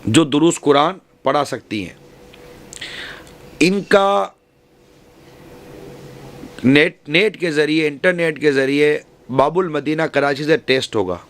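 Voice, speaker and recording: A man's voice: a little high, pauses often, slight background noise. A man preaching to a women's gathering, giving earnest advice and often repeating and rephrasing his points. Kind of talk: religious speech.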